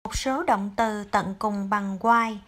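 A woman with a Vietnamese accent teaching an English grammar lesson to children, patiently spelling out example words. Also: medium pitch. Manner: calls herself teacher, addresses pupils as children, drawn-out example words.

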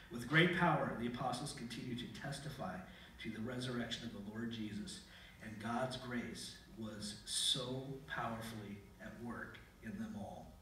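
Slight background noise accompanies a middle-aged man with a mid-range voice as he preaches and earnestly reads scripture aloud in a church sanctuary. He speaks into a pulpit mic, but the far-off camera recording makes the hall sound very echoey.

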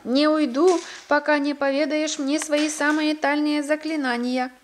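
A woman's voice: on the high side, expressive, moderate pace, a little hiss or hum, lightly acted. A woman voicing a stubborn old bearded male sage who speaks out boldly in a storybook reading. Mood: shouting. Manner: shouting, defiant.

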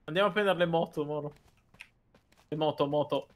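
Male streamer, high-pitched, playful jokey game commentary. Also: fairly quick. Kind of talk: casual gaming chat.

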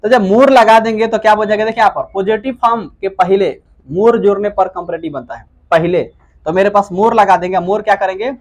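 A high-pitched man lectures on English grammar in the manner of a classroom lesson. He repeatedly answers questions he has just asked and stresses key words by repeating them slowly.

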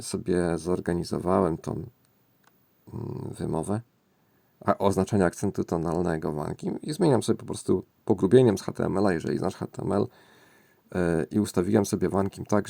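A man hosting a language-learning lesson, talking it through in a thoughtful, musing way and often pausing to find his words. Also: low voice, vocal fry, mellow, no room sound. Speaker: language-learning channel host. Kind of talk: explanatory screen-recording lesson.

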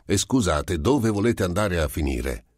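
A middle-aged man with a rumbling low, expressive voice reads the part of an irritable, suspicious merchant, answering rudely and defensively at a normal speed. His delivery is curt and grows increasingly loud. The recording is dry, with clean studio sound.

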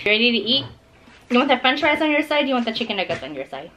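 Woman vlogger, casual and upbeat, slightly high voice, some faint background noise. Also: big pitch swings, a little fast, fairly bright tone. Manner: upbeat, chatty, playful with a child. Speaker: vlogger hosting a mukbang. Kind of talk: casual chat to camera.

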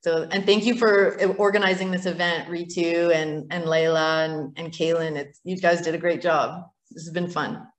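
A woman's voice: lowish voice, fairly even intonation, normal speed, few pauses, a little hiss or hum. A woman who owns a business gives a chatty thank-you speech for an award, with many fillers and restarts. She speaks from a distillery still room, and her voice echoes around it. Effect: room echo around the voice. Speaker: business owner accepting an award.

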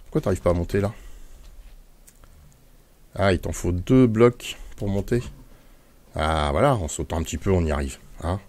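A man's voice: deep voice, normal speed, long pauses, darkish tone, dry recording. A man casually commenting on his gameplay, chatting to his in-game mount with many hesitations. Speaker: Let's Play gamer.

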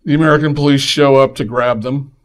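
A man's voice: mid-range voice, fast. A man hosting a podcast, telling a personal story casually and acting out the voices of the people in it. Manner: lively, acts out quoted voices in his stories. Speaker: podcast host.

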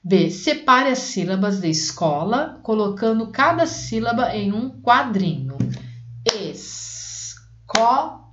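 A woman teaching a reading lesson to young children, patient, repeating words slowly and breaking them into syllables. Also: mid-range voice, big pitch swings. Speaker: primary school teacher. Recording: echoey room, dull lo-fi sound.

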